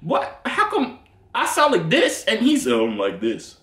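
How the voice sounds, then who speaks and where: A man's voice: sits high, wildly swooping pitch, unhurried, sharp tone. An American man in his twenties chatting casually and teasingly with strangers in a small indoor room. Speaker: YouTuber host. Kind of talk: casual chat with strangers, asides to viewers. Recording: echoey room, faint noise.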